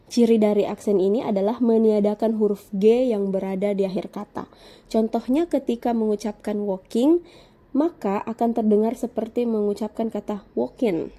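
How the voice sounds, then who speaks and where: A woman lecturer giving a measured, explanatory scripted lesson narration. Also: medium pitch, warm tone.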